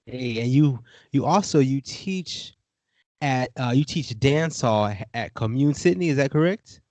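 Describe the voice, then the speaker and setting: Male podcast host interviewing a guest, lively intonation, curious, upbeat, dry recording. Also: mid-range voice, a little slow, no room sound. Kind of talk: casual interview.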